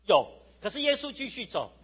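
A male pastor preaching a lively sermon to his congregation, asking them questions as he goes. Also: very high-pitched, brisk, breathy edge, muffled recording. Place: church sanctuary.

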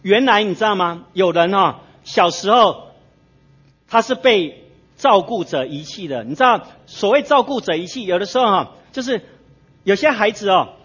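A man's voice: sits high, animated, moderate pace, fairly bright tone, breathy edge. A male pastor preaching a sermon in a church, telling stories and asking the congregation to fill in the blanks. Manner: storytelling with frequent tag particles. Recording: dull lo-fi sermon recording.

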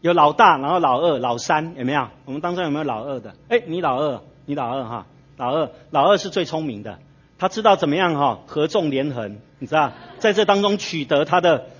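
Man, pastor, sermon, husky voice, quizzing the congregation, church. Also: a little high, expressive, fairly quick, fairly bright tone. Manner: fill-in-the-blank questions to the congregation; storytelling with frequent tag particles. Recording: dull lo-fi sermon recording.

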